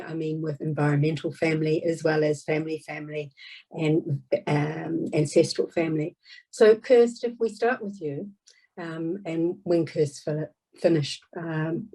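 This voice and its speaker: A woman with a low, mellow voice moderates an academic conversation. She speaks deliberately, pausing and restarting her phrases. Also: slightly rough, poor audio.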